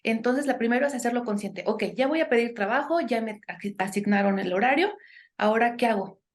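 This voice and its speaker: Brisk and lively in intonation, this fairly high-voiced woman appears as a podcast guest discussing impostor syndrome in a conversational interview. Her advice is earnest, peppered with "este" fillers and questions tacked onto her sentences.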